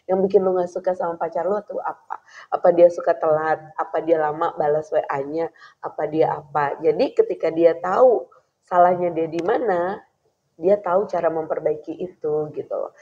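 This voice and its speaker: A middle-aged woman, a former radio announcer chatting as a guest, animated and quick to laugh. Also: on the low side, highs cut off. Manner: lively, animated, laughs often, acts out voices. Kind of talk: casual chat with radio-announcer flair.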